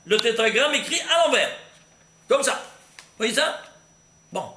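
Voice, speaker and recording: A man teaching a recorded Torah class, animated and constantly quizzing his listeners with questions. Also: very high voice, measured pace. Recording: echoey room with faint noise.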